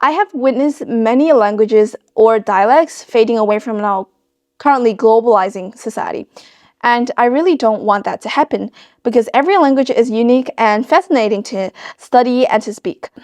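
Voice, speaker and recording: A Chinese-born teenage girl, a high school student now living in Australia, answers interview questions about a project she authored. Her voice is high with a darkish tone, and she talks at a normal speed.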